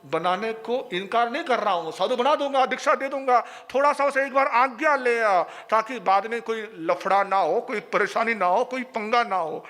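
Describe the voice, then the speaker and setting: A man voicing a calm Jain monk who patiently reasons and reassures. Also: very high voice, normal speed, few pauses, big-room sound. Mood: reassuring.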